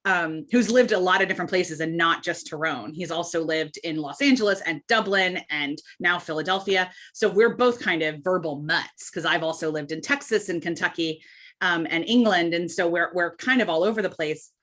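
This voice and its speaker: A woman from the United States, a guest on a podcast, talking in a chatty, animated way with quick asides and easy laughs. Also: fairly low pitch. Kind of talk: casual podcast interview.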